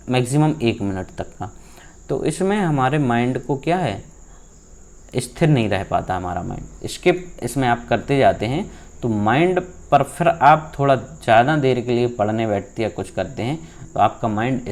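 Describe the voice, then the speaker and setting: A man's voice: medium pitch, a little mellow. Man teaching an exam practice set. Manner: rhetorical questions, frequent "theek hai" checks; exhorting, lecturing viewers.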